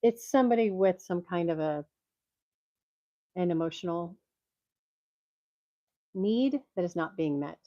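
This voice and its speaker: Chatting casually at home, this older woman reads jokes for her vlog, rambling and laughing a lot. Her fairly low, dark, expressive voice comes at a measured pace with frequent pauses. Picked up by a mic clipped to her glasses, it sounds congested and tin-can tinny in a dull, dry lo-fi recording without echo.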